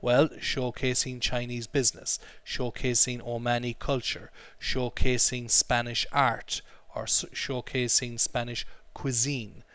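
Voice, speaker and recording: A man leads an English lesson, explaining words and having the class repeat phrases after him. His voice is mid-pitched, and the recording sounds dry and close. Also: flat delivery, unhurried, hardly any pauses, fairly bright tone, smooth, dry recording. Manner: drills pronunciation, repeating phrases for students. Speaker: English teacher.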